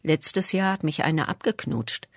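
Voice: mid-range voice, lively intonation, unhurried, no echo, studio quality, natural voice. A storybook reader voicing a boy from a flute group who whispers his remarks. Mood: whispering.

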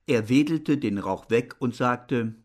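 Measured male audiobook narrator. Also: mid-range voice. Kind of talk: scripted narration.

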